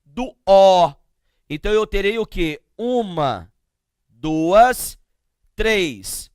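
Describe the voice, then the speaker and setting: A middle-aged Brazilian man teaching grammar to a class, slow and emphatic, asking questions and answering them himself as he spells out letters and sounds. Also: sits high, expressive, darkish tone, clear, resonant tone, dry recording, clean studio sound. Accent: Brazilian Portuguese.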